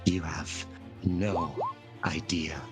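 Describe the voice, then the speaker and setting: A man playing a menacing, possessed male ninja hunter in a tabletop game, speaking slowly and coldly with a demonic layered voice. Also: rumbling low, level tone, over music, pitched below the performer's own voice, heavily acted. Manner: cold, threatening, slow. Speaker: game master.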